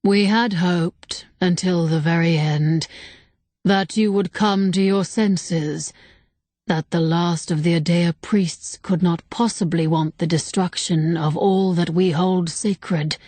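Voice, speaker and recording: A woman voicing an ancient male temple spirit who speaks calmly and with regret, in an audiobook reading. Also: on the low side, no room sound. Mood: calm regretful. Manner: calm, regretful, unhurried. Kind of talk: audiobook character voice.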